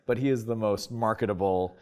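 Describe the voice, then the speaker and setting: A man from Canada, a voice actor, chatting as a guest in a casual interview, animated and full of fillers. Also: fairly low pitch, fairly quick. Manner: animated storyteller, lots of uh fillers and restarts.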